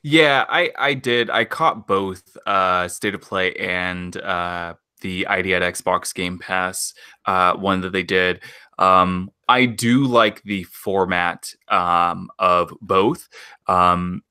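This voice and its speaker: Deep, bright-toned man, hesitant chat. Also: steady tone, slow pace, clean tone, dry recording, clean studio sound. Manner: hesitant, many ums and uhs. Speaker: podcast guest, YouTuber. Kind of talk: casual podcast chat.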